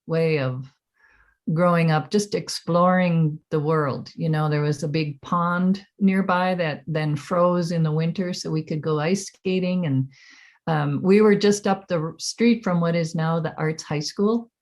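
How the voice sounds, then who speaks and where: An American woman in her seventies reminiscing in an oral history interview, halting and reflective as she recalls. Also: sits low, steady tone, darkish tone. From Minnesota, United States. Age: 70s.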